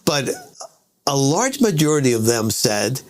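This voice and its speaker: A man's voice: medium pitch, very animated, measured pace. A man being interviewed as a guest author, explaining his ideas at length and often repeating himself and checking in with "all right?". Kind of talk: conversational interview answers.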